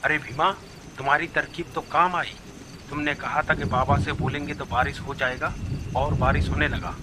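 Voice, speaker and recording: A man's voice: fairly high pitch, steady tone, normal speed, very noisy, close to an everyday voice. A man voicing a level-headed villager who brushes off his friend's fears and scolds him, in a cartoon story. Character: calm, scolding adult male villager.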